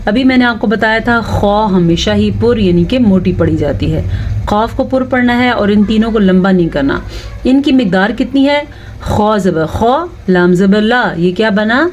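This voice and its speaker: A patient woman teacher explaining recitation rules in a calm, middle-pitched voice. She slows right down to stretch each recited word carefully, then goes back to plain explanation. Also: a little hiss or hum. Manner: patient, repeats words slowly, drawn-out recitation of verses; asks the listener rhetorical check questions. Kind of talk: tajweed lesson, explaining and slowly reciting.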